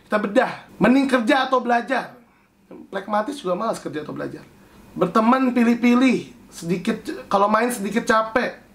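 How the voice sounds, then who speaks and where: A young man hosting a casual chat, answering viewer questions with animated swings in pitch. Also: moderate pace. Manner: animated, jumps pitch to read questions aloud.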